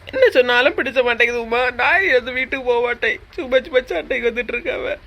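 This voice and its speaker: A sulky young village woman in a cartoon, played by a woman, with a slightly high, whiny voice. She speaks in a Kanyakumari Tamil accent. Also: quick pace, highs cut off, close to an everyday voice. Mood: tearful. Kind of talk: cartoon voice acting.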